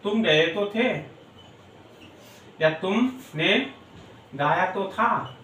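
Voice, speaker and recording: A high-voiced man teaches grammar at an unhurried pace, breaking sentences into single words and repeating them. He sounds set back from the mic in an echoey room. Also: fairly bright tone, far from the mic, slight background noise. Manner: slow, repetitive, drills examples word by word. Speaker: English teacher. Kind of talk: classroom grammar lesson.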